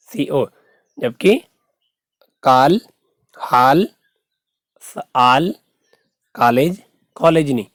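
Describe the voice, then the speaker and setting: A man's voice: on the high side, a little mellow, dry recording, clean studio sound. A male school teacher giving a patient grammar lesson to young students, repeating terms and asking rhetorical questions.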